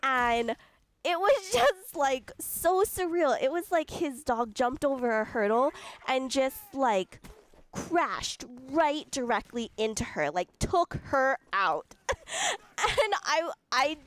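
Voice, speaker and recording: A woman's voice: sits high, sing-song, takes it slowly. A young woman telling a casual, chatty story over gameplay, giggling and filling her talk with likes and ums. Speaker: gaming video creator.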